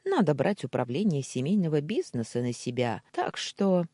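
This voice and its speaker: A woman's voice: low voice, very animated, normal speed, dark tone, no echo. A woman voicing a scheming, hysterical middle-aged uncle who shrieks and splutters in a storybook reading. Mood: furious.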